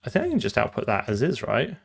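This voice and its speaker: A man's voice: medium pitch, huge pitch swings, fast talker, gravelly, breathy edge. A man live-streaming his programming, talking through code and answering chat, often trailing off and repeating words.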